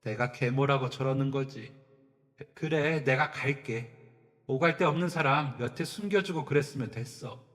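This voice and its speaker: A man's voice: medium pitch, normal speed, fairly bright tone, natural voice. A man voicing a scheming middle-aged stepmother who wails and accuses theatrically. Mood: self-pitying. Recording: long echo with faint music behind.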